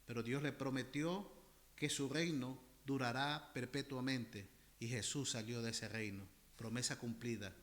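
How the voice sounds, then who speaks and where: A man's voice: medium pitch, measured pace. A man preaching a sermon as pastor, impassioned, often calling his listeners brothers and repeating phrases for emphasis. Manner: repeats phrases for emphasis, swinging between loud and soft.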